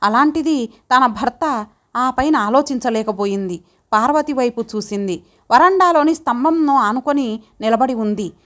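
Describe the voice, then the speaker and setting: A woman reading an audio story as a storyteller, calm and measured. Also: on the high side. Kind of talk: scripted narration.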